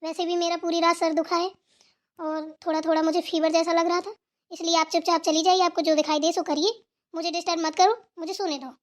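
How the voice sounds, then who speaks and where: A woman's voice: very high-pitched, flat delivery, brisk. A woman voicing a lazy, spoiled young daughter-in-law who talks in a whiny, defiant way.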